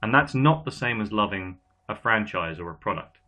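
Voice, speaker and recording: A man's voice: on the low side, lively intonation, normal speed, bright, forceful tone. A man who is half Irish and half English hosts a casual panel chat, talking animatedly with an English accent and an Irish lilt. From Ireland and England. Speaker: podcast host.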